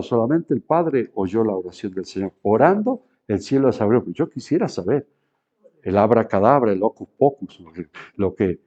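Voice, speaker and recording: Middle-aged male pastor, lively sermon delivery, warm mellow voice, slightly muffled recording. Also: fairly low pitch. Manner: animated preaching that shifts between hushed and raised.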